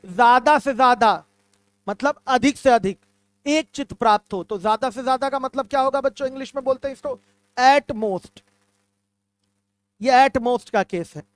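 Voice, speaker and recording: Male math tutor, patient and repetitive, smooth voice, dry close recording. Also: very high voice, moderate pace, pauses often, no room sound. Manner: patient, repeats key terms, calls students "my children". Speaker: math teacher. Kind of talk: online class lecture.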